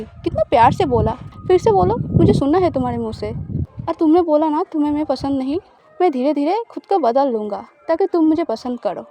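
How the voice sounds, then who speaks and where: In an audio story, a woman takes the role of a smug young spouse with a possessive streak, coaxing and teasing as if smiling. Her voice is high, though mellow and soft.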